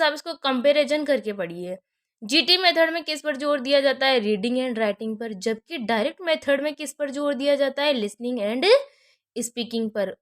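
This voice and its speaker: A young woman with a Hindi accent giving an exam-prep lecture, posing questions to her students and answering them herself while repeating key terms. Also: sits high. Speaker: teacher.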